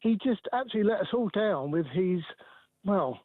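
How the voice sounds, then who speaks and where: A man's voice: high voice, expressive, fairly quick, dry recording, phone-quality sound. A man in his sixties from England, calling in to a phone-in show and talking hesitantly with many ums and restarts. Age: 60s. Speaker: caller. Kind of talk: phone-in call.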